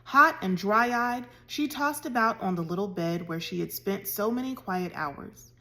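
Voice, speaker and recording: A woman reading a children's novel chapter aloud in an expressive storytelling way. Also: mid-range voice, moderate pace. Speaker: reader.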